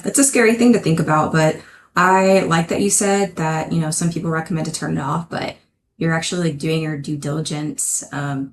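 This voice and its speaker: A woman with a notably low voice co-hosts a podcast, chatting loosely and stringing questions together with many fillers. A faint noise runs under her recording. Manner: chatty, filler-heavy, asks long rambling questions. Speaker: podcast co-host. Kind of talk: casual interview conversation.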